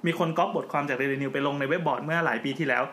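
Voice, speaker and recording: Fast-talking man hosting in a roomy room. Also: medium pitch, fairly bright tone. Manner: joking, explains at length. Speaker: podcast host. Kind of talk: casual chat. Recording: roomy with faint background noise.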